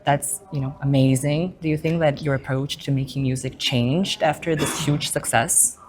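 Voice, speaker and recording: A woman interviewing on the radio, enthusiastic and quick with affirmations. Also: deep voice, steady tone, darkish tone. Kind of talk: casual interview.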